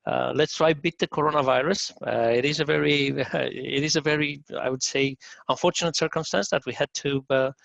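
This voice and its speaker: A man, giving a technical conference talk, halting with many fillers and restarts. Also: a little high, steady tone, creaky, a bit bright, no echo. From Romania. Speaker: conference speaker. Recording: dull lo-fi dry recording.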